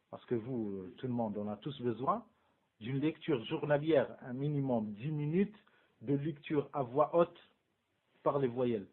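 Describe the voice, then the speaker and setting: A man giving a casual religious lesson, asking his students rhetorical questions and mixing in Arabic terms. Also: a little high. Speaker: Islamic studies teacher. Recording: phone-like narrow band.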